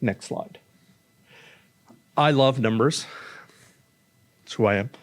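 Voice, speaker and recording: In a conference room with slides and a stage microphone, an oncologist gives a casual, straightforward public talk, noting that he has a loud voice. He speaks slowly in a mid-range voice.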